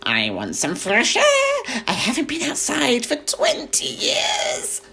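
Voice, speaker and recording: A man voicing a scrawny, ancient grandma from a children's storybook, gleeful and demanding, screeching her drawn-out exclamations. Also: very high-pitched, huge pitch swings, gravelly, pushed and bright, pitched above the performer's own voice, exaggerated voice.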